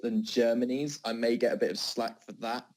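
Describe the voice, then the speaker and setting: A man's voice: medium pitch, flat delivery, normal speed, a little mellow, poor audio. A young man in a casual football debate, thinking aloud with hesitant fillers. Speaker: podcast debater.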